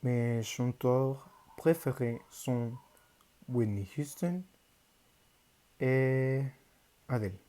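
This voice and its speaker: Slow, careful teenage boy with a Mexican accent. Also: mid-range voice, dark tone. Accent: Mexican Spanish. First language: Spanish. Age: teens. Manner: careful, halting learner's delivery. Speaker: high school student. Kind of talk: reading a prepared class presentation.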